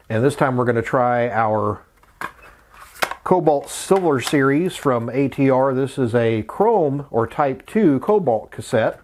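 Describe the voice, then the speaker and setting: A middle-aged man hosts a vintage electronics tutorial channel, explaining a how-to casually, plainly, and step by step. His voice is medium-pitched with a darkish tone, accompanied by background music and a little hiss or hum.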